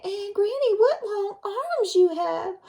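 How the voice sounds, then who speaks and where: Woman as innocent little girl, very high pitch, slow wide-eyed exclamations, storybook heroine. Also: expressive, gravelly, dark tone, full character voice. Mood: astonished. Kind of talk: storybook read-aloud.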